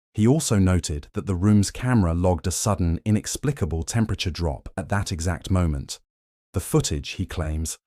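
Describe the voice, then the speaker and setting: A man reading scripted horror narration in an ominous, measured storytelling manner, close to the mic. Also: low voice, dark tone, no echo.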